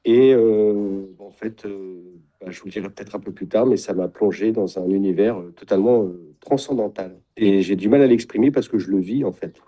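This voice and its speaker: A middle-aged man, a guest in an interview, talking in a reflective way and often pausing to search for words. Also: on the low side, mellow. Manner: describes himself as introverted. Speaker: guest, sailing retreat founder. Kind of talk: casual interview talk.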